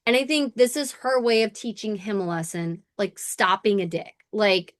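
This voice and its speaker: A woman's voice: mid-range voice, fairly even intonation, moderate pace, no room sound, clean studio sound. A woman co-hosting a podcast, chatting casually and animatedly about a TV episode, swearing freely and acting out the scenes. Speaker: podcast co-host. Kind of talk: casual recap chat.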